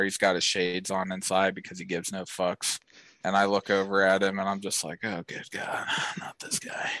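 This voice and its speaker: A man's voice: low-pitched, a bit bright, no room sound. A man chatting casually and improvising a goofy story, laid-back and profane, full of "like" and "bro".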